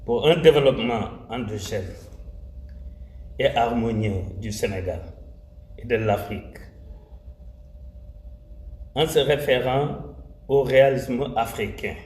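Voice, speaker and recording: A man's voice: mid-range voice, slow, pauses often, darkish tone. A man with a Senegalese French accent gives a formal commemorative address in a solemn, emphatic way. He repeats key phrases and slips Wolof phrases into his French. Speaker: religious community speaker. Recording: roomy echo, faint ambient noise.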